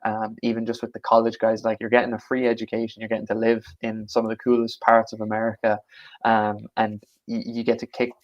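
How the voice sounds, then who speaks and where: A man's voice: lowish voice, monotone, brisk, highs cut off. A young man from Galway with a west of Ireland accent, chatting casually and in a rambling way as a podcast guest. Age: young adult. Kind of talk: casual chat.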